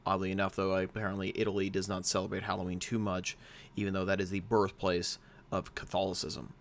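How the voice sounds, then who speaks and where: Rambling young American man, low voice. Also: fairly bright tone. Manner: rambling, with frequent fillers and restarts. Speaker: host. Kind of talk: casual explainer talk.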